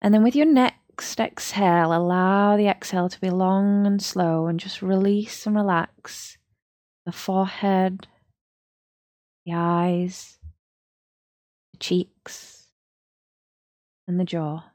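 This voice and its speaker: A woman, a yoga teacher leading a slow, soothing guided body-scan relaxation. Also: mid-range voice, steady tone, a little mellow, dry recording, studio quality.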